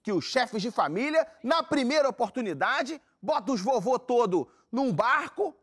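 An actor playing a brash Brazilian van driver who hosts a comedy culture show, talking in a pushy, hurried way. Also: male voice, very high-pitched, very animated, fairly bright tone, heavily acted. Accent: Brazilian Portuguese. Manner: pushy, rushing, salesman-like. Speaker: show host, alternative transport driver Rogerinho. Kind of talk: scripted comedy sketch hosting.

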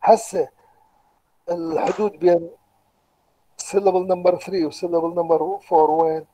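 A man's voice: high-pitched, fairly even intonation, takes it slowly, warm tone, poor audio. A male lecturer with an Iraqi Arabic accent, patiently explaining step by step in an online university lecture and asking the class questions. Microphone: computer microphone, online lecture.

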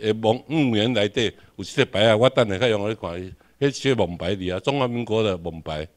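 A man's voice: on the low side, brisk. A man with a Taiwanese accent giving a classroom lecture, questioning the audience and repeating his points.

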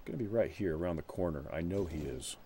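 A man chatting casually while playing a shooter game, reacting excitedly and muttering to himself. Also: low-pitched, quick pace. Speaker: gamer. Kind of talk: casual gaming chat. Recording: game noise behind.

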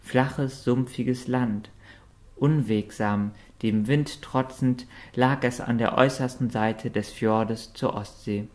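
A man narrating an audiobook in a calm, even storytelling manner. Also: medium pitch, takes it slowly. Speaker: audiobook reader. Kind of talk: scripted narration.

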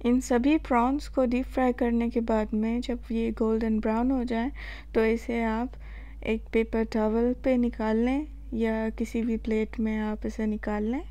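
A woman with an Indian accent, narrating a cooking tutorial as a voice-over and calmly explaining each step, with a few filler pauses. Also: on the high side. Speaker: cooking channel host.

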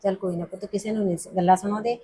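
An actress plays the heroine's mother, a middle-aged woman who smooths over family quarrels by soothing and pleading with her daughter, often saying "puttar." Her mid-range voice is warm and close to everyday speech, with a steady tone, and she talks rapid-fire in a soothing mood.

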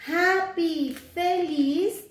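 A woman's voice: very high voice, extremely slow. A Colombian woman teaching kindergarten children in a recorded remote class, sing-song and coaxing, often checking with the kids. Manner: sing-song, coaxing, asks "¿cierto?" a lot. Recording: echoey room.

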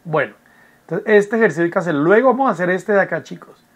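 A man's voice: high-pitched, expressive, fast talker. A man, teaching an English lesson from home, patient and repetitive, often checking that students follow. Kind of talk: recorded online class explanation.

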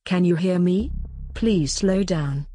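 A woman voicing a calm male lab doctor who gives polite, measured instructions over a radio link. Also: lowish voice, a little hiss or hum. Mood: calm, instructing.

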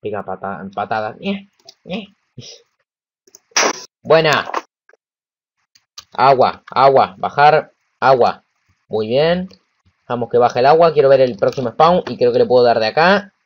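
A man with a Rioplatense Spanish accent giving casual let's-play commentary. He is excitable, talks to himself and to the game, and swears when frustrated. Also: medium pitch, measured pace, long pauses, lo-fi sound. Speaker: gameplay commentator.

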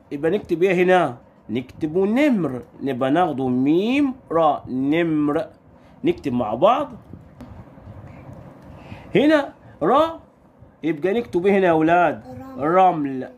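A man with an Egyptian Arabic accent teaching young pupils their letters, stretching sounds out slowly and firing quick questions at the children. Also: a little high, darkish tone, a little hiss or hum. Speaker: primary school Arabic teacher. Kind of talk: recorded lesson for young children.

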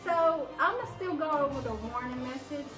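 A woman's voice: sits high, normal speed. A young woman chatting and reading aloud to camera as a vlog co-host, nervous and prone to giggling. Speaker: vlogger, challenge co-host. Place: home room at a table, indoors. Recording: echoey room, distant mic, music underneath.

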